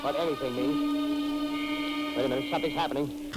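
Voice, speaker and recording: A man's voice: mid-range voice, big pitch swings, moderate pace. A man reading urgent, grave news bulletins in the sound of an old radio broadcast. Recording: distant old broadcast under loud music.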